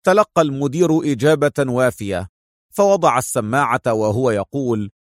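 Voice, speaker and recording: A man reads a spy novel aloud with lively, widely moving intonation and a mid-range voice. The sound is dry and close, with no room echo. His delivery follows the drama of the story. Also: medium pitch, normal speed. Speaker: narrator. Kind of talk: scripted audiobook narration.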